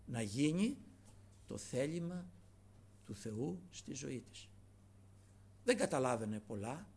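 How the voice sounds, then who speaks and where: A man preaching a sermon, swinging between loud emphatic peaks and low murmured asides, repeatedly addressing the congregation as brothers. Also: very animated.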